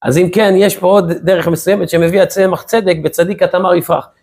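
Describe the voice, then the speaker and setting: A man, a rabbi, giving a weekly Torah lesson as a lively storyteller who keeps asking his listeners rhetorical questions. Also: high voice, slightly rough.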